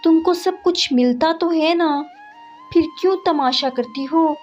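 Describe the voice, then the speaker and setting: A woman voicing a gentle, pleading poor husband. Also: sits high, voice pushed up, close to an everyday voice. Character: poor gentle village husband, adult man. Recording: slightly dull audio with soft music.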